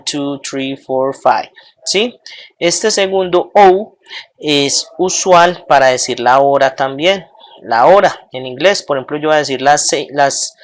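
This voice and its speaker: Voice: medium pitch, a bit bright. An English teacher giving a recorded bilingual pronunciation lesson, drilling words aloud and checking in with the class often.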